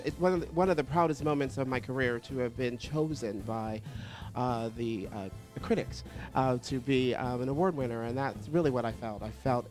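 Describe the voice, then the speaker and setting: A male singer chatting in an interview in a halting, earnest way. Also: medium pitch, a little mellow. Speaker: award-winning singer. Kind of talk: casual interview chat. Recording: faint music behind the interview.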